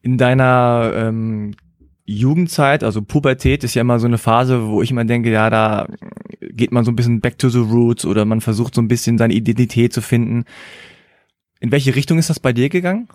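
Measured man telling stories in chat. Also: medium pitch, darkish tone, no echo, clean studio sound. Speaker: conversation partner. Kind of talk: casual chat.

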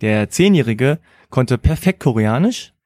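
A man chats casually and tells anecdotes at a steady, measured pace. His voice is mid-pitched and recorded close and dry. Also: dry recording. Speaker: conversation partner. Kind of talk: casual chat.

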